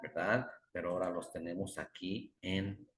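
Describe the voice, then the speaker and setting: A man's voice: sits low, steady tone, normal speed, a bit bright, slight background noise. A male English teacher explaining grammar to a class. He repeats example words over and over as he drills them, and stops now and then to correct himself. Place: classroom with students. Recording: roomy classroom echo.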